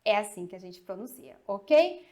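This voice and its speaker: A woman's voice: mid-range voice, sing-song, dark tone. Brazilian woman teaching English spelling. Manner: slow spelling drills with frequent "tá?" check-ins; speeds up when explaining. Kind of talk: video lesson.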